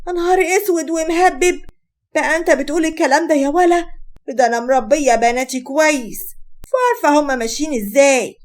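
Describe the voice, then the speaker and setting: A woman's voice: high voice, animated, fast talker. Woman doing a fierce scolding Egyptian mother. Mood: indignant. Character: fierce proud Egyptian mother, middle-aged.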